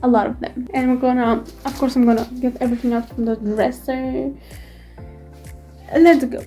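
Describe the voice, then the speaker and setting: Chatty young woman vlogging, high soft mellow voice, rambles n jokes about herself. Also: steady tone, moderate pace, soft background music. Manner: chatty, rambling, self-deprecating. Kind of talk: casual vlog chat.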